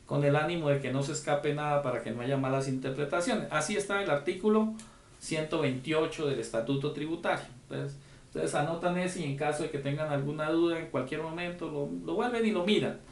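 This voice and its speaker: A man's voice: a little high, fairly quick, roomy sound. A man giving a conference lecture on tax rules, explaining step by step and often checking in with the audience. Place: conference room.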